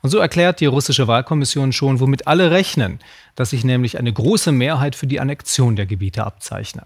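A man presents the evening news from the studio desk. He reads his scripted copy with measured emphasis, clear and composed. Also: mid-range voice. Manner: measured, emphatic anchor delivery. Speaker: news anchor.

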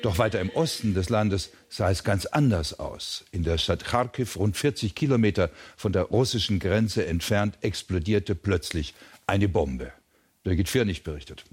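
Man, news anchor, low husky voice, formal measured reading, studio. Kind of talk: scripted news presentation. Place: television studio.

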